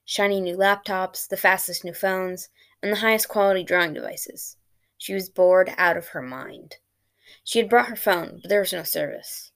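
A woman reading her own short story aloud at a steady pace on her podcast. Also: fairly low pitch, moderate pace, gravelly. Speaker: podcast host and author. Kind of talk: storytelling narration.

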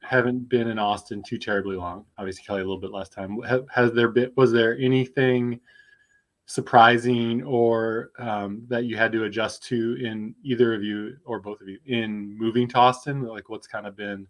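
Guy interviewing two people, easygoing, kinda halting questions. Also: lowish voice, little pitch movement. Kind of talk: casual interview.

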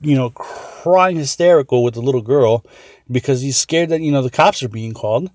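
A man's voice: mid-range voice, moderate pace, a little mellow, no room sound. Male solo host, casual and earnest, lots of fillers, dry close recording. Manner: rambling, many fillers and restarts; earnest, gets worked up. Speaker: podcast host.

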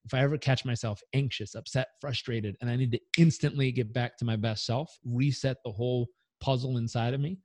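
Man, podcast guest coach, motivational and energetic, dry close sound, mid-pitched. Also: fairly quick, hardly any pauses, dry recording. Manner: energetic, motivational, leads breathing exercise aloud. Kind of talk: podcast interview.

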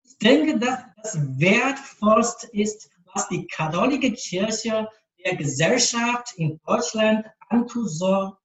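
A man with a Chinese accent reads a letter aloud, carefully and haltingly. He speaks very slowly, pausing between phrases, his voice set back from the microphone. The room around him rings with a noticeable echo. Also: high-pitched, lively intonation, a bit bright. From China. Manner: slow, careful, halting reading with pauses. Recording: roomy echo, distant mic.

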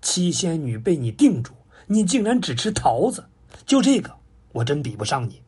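A man voicing a lustful, lazy male pig demon who grumbles and sighs in a low, breathy voice. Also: big pitch swings, moderate pace, a little mellow, full character voice. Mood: sighing. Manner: self-pitying, rambling comic complaints. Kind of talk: comic storytelling.

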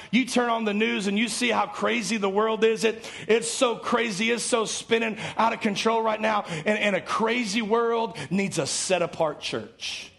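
Man, pastor, fervent sermon, high voice, gravelly edge, shouts and hushes. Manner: fervent preaching, rising to shouts and dropping low.

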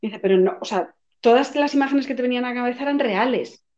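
A woman with a Spain Spanish accent in casual chat, telling a personal story with lively acted-out quotes and frequent swearing. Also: fairly high pitch, fast talker. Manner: lively storytelling, acting out her own quoted lines, swears freely. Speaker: podcast co-host. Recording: dull lo-fi sound.

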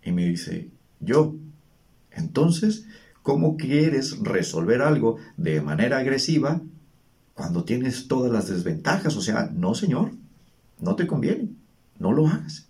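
A man's voice: medium pitch, sing-song, unhurried, creaky, darkish tone. A man giving earnest, teacherly advice on emotions, posing rhetorical questions as he talks. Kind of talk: reflective monologue.

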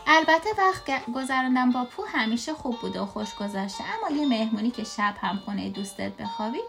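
A woman reading aloud the part of a small, timid young bunny friend in a children's storybook, soft-voiced over music. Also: on the high side, lively intonation, creaky. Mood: dreamy.

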